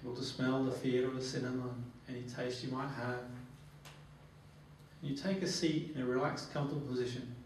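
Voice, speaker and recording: A man's voice: medium pitch, little pitch movement, fairly quick, darkish tone. Male trainer in a very echoey room. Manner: instructive, repeats phrases and checks with "okay". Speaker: phobia therapy trainer. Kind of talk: live training demonstration with guided relaxation. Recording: very echoey, distant mic, faint noise.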